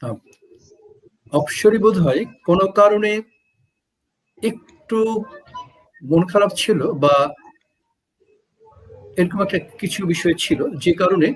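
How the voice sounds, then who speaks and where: A man judging a recitation contest, giving gentle, hesitant feedback with pauses. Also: high-pitched, breathy edge, poor audio. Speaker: recitation competition judge. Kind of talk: spoken critique of a recitation.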